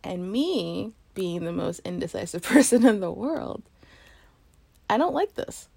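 A woman's voice: medium pitch, very animated, measured pace, vocal fry, a little mellow, husky, no room sound, full character voice. A woman playing a sleepy, playful girlfriend in an intimate role-play, murmuring in a whiny, teasing way and sometimes whispering. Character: sleepy playful girlfriend waking late on her birthday.

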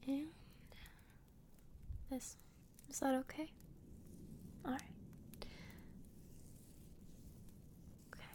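A woman playing a playful hermit woman who tends a wounded man, talking gently and often dropping into a half-whisper. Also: high voice, a little hiss or hum. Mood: soothing. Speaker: audio roleplay performer. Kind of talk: audio roleplay addressed to the listener.

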